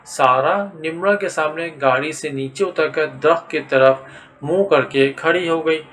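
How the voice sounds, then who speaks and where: A man narrating a scripted horror story in a steady, dramatic storytelling manner. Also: on the high side.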